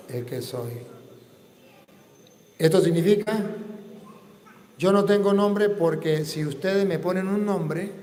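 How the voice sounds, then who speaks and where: A man preaching in a question-and-answer talk, teaching slowly and answering his own questions. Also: fairly high pitch, a little mellow. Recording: long reverb in a hall.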